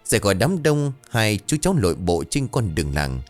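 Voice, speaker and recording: A man narrating a ghost story in a steady, measured storytelling voice. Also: fairly low pitch, soft background music.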